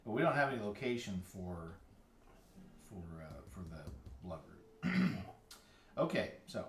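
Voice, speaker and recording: A man's voice: on the low side, sing-song, measured pace, fairly bright tone. A man chatting jokily and reading aloud as he plays a tabletop game. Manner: jokey. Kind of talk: casual chat and reading out during a board game. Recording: echoey room, clear background noise.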